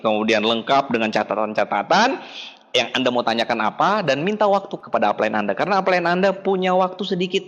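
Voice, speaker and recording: A man giving a motivational seminar talk in an animated, emphatic way, with dialogues acted out. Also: mid-range voice. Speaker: business seminar speaker. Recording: dull lo-fi recording in a reverberant hall.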